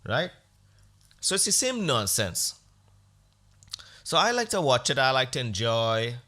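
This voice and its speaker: This podcast host speaks a little slowly at medium pitch, his sharp voice swinging widely in pitch. He rants bluntly through a casual, opinionated monologue, sarcastic and full of swearing.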